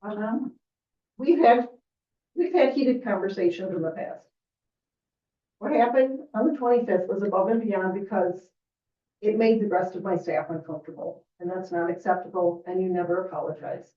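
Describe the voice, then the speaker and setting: A woman's voice: medium pitch, moderate pace, far from the mic. A woman on the village staff speaking firmly and earnestly at a public board meeting. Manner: earnest, firm, upset. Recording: roomy, off-mic, dull meeting audio.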